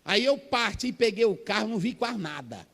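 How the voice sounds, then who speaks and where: A Brazilian pastor preaches with a high, swinging voice that climbs and drops all over. His sermon rings with long reverb through a big church hall. He talks animated, acting out little scenes. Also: brisk. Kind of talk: Pentecostal sermon.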